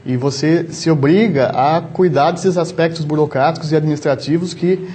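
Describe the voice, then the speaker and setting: A man with a São Paulo interior Brazilian accent, a doctor answering interview questions in a measured, explanatory way with frequent restarts. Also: on the high side, fairly even intonation, warm tone, a little hiss or hum. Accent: São Paulo interior Brazilian Portuguese. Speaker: travel medicine doctor, guest.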